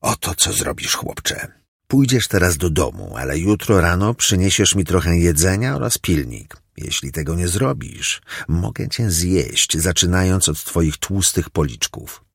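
A huge, ragged escaped convict, as a man puts him on, growling orders and threats in a storybook reading. The voice sits very deep and husky, and it is recorded close and dry. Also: sing-song, a little slow, hardly any pauses, no room sound, heavily acted. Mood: menacing.

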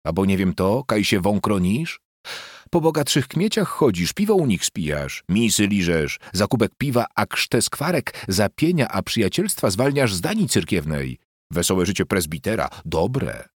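A man doing a shrill, jeering peasant wife in an audiobook, her voice leaping high as she scolds her lazy husband. The sound is dry and close, with a lively, swooping delivery. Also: moderate pace, breathy edge, dry recording. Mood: mocking.

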